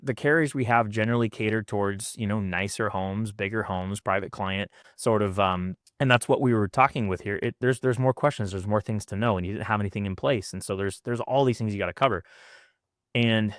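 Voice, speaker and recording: Male podcast co-host, low pitch, relaxed storytelling with restarts. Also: fairly quick, no echo, studio quality. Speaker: founder of the insurance agency, co-host. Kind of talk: casual podcast conversation.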